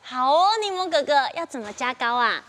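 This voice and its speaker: A woman's voice: sits high, animated, a little fast, fairly bright tone. A young woman with a Taiwanese Mandarin accent hosts a children's game in an exaggerated, sing-song way made for small children. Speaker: children's TV game show host. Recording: reverberant studio with faint music.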